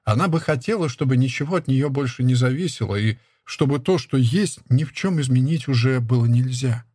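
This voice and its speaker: Male literary narrator, husky, mid pitch, steady and measured. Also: no echo, clean studio sound.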